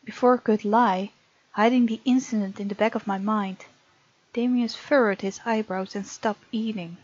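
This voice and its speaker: A woman hosting a let's play reads game text aloud and chats casually as she reacts to the story. Her voice is medium-pitched and darkish, with fairly even intonation and a normal pace. The muffled lo-fi mic sits over the game music playing behind her.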